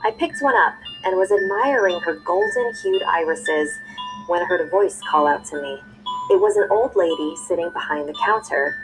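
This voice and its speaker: A young woman telling a scary story in smooth, scripted narration, played back from a video. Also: lowish voice, moderate pace, over music, rough recording. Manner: smooth, even storytelling with a spoken ad read.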